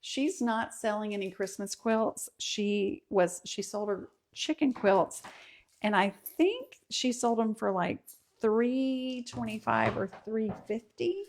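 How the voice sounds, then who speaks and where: A woman's voice: medium pitch, a little mellow. Chatty woman reading viewer comments. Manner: chatty, with many ums, reads comments aloud. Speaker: host of a home and kitchen channel. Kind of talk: casual livestream chat reading viewer comments. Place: at home.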